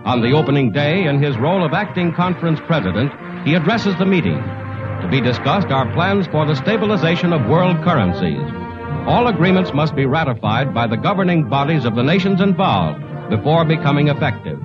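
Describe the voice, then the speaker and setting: A man narrates an old newsreel in a formal, emphatic manner, his fairly high voice swooping up and down. The sound is dull and muffled, with music playing clearly underneath. It sounds like a vintage 1940s newsreel soundtrack. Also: sing-song, fairly quick. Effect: old newsreel recording. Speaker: newsreel announcer.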